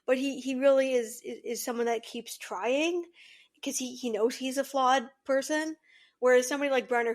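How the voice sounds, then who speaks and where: A woman co-hosting a fan podcast, talking casually in an earnest, thoughtful, rambling way. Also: fairly high pitch. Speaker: podcast co-host.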